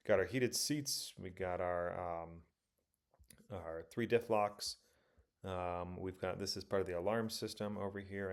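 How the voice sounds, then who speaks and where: Guy with a real low gravelly voice rambling thru car pics, lots of ums. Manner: rambling, self-correcting, many ums. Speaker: car auction reviewer. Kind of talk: casual commentary over photos.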